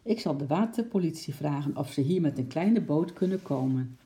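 A bossy police officer barks at the crowd to move aside, his voice pushed up high and loud as a man acts him out. The tone stays dark and mellow, a storybook officer who is used to being obeyed. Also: lively intonation, moderate pace, lightly acted. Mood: helpful. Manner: shouting orders.

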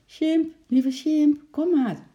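A small, anxious girl calling out high and loud to her pet ape, as a woman storyteller puts her on. The voice jumps up well above the reader's own, with a dark, mellow tone underneath that never turns sharp. It comes across like a children's audiobook. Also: steady tone, extremely slow, lo-fi sound. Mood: coaxing.

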